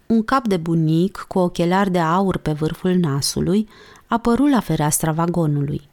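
Female audiobook narrator, lowish voice, calm, measured literary reading. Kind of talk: scripted narration.

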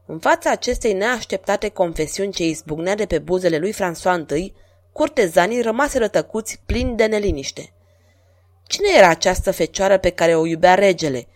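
Brief: woman narrator, steady storybook reading, mid-range pitch.

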